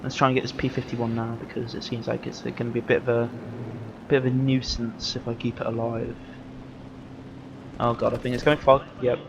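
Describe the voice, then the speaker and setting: A man chats through his gameplay in a loose, easygoing way, often stopping to correct himself. His mic sounds dull and lo-fi. Engine and game sounds run clearly underneath him. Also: mid-range voice, level tone, brisk. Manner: rambling, self-correcting, easygoing. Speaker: gameplay commentator. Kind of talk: casual live gameplay commentary. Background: game engine and vehicle noise.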